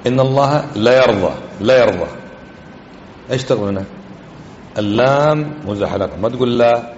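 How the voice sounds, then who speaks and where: A man's voice: mid-range voice, fairly quick, darkish tone. A man giving a religious lesson, explaining grammar and quizzing his listeners with repeated questions. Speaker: religious teacher. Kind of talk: classroom lesson on hadith and grammar. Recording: echoey hall, dull lo-fi, faint hiss.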